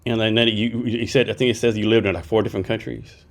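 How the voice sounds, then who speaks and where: Podcast host, male, low-pitched, quick and rambling. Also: fairly even intonation. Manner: chatty, rambling, tags "right?". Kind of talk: casual interview questions.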